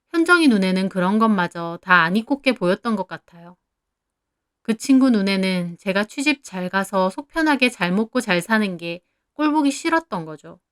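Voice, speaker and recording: A woman's voice: medium pitch, smooth. A woman narrating a first-person story in an earnest, plaintive tone.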